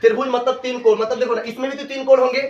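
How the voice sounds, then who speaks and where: High-voiced male teacher with a Uttar Pradesh accent. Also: flat delivery, racing, darkish tone, far from the mic, a little hiss or hum. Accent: Uttar Pradesh Hindi. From India. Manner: repeats questions to students, drills terms aloud. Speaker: coaching class teacher. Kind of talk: classroom lesson with call-and-response. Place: classroom with students. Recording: roomy lo-fi classroom sound from afar. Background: students in the room.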